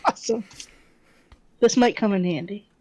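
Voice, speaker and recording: A woman's voice: mid-range voice, moderate pace, a little mellow, a little hiss or hum. A woman playing a tabletop role-playing game, chatting casually with a dry, sardonic manner.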